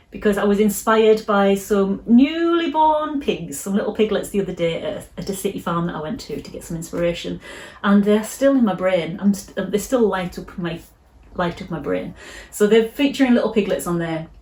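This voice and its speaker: A woman illustrator talking casually to camera in her vlog, gentle and reassuring, often restarting her sentences. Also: medium pitch, fairly quick. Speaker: illustrator vlogger. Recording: roomy echo.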